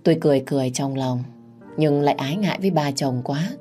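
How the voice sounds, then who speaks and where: A woman with a low voice telling a first-person story in a steady, scripted way. Faint music plays underneath the narration. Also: fast.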